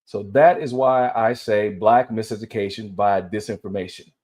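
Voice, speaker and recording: A man's voice: fairly low pitch, moderate pace, a little mellow. A man giving casual commentary and reading aloud as a host, speaking with dental aligner braces in and sometimes stumbling over words and correcting himself. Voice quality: slightly impeded articulation from wearing dental aligners.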